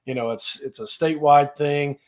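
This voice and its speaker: A man's voice: fairly high pitch, fairly even intonation, moderate pace. A man co-hosting a casual livestream, speaking in an easygoing, plain-spoken way. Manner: easygoing and plain-spoken, with many "you know" fillers. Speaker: co-host. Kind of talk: casual live chat.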